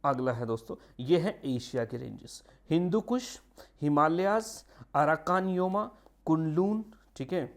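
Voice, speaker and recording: A man teaching a geography lesson for exam prep, repeating key names slowly and slipping in English phrases. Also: fairly high pitch, expressive. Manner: repeats key terms, mixes English phrases, frequent "ठीक है"; drawn-out slow emphasis on names, quick asides. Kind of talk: online geography lecture.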